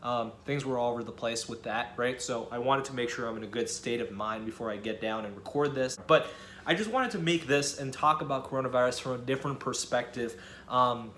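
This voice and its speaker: A young man talks straight to his viewers in a loose, rambling way, repeating himself and laughing as he goes. His voice sits at an ordinary middle pitch. A faint hiss runs under the recording. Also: brisk. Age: young adult. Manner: rambling, animated, laughs often. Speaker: student vlogger. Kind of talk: casual talk to camera.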